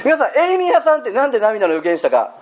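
Chatty Japanese-speaking pastor, lively pitch. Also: male voice, fast talker, a crowd in the background. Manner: chatty, asks the congregation questions and jokes. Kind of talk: sermon. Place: church hall. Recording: dull lo-fi recording with faint hiss.

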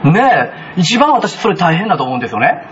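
A man pastor with a Kansai accent, preaching a sermon in a chatty, animated way, with many asides to the congregation. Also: sits high, brisk, lo-fi sound, noisy background. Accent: Kansai Japanese.

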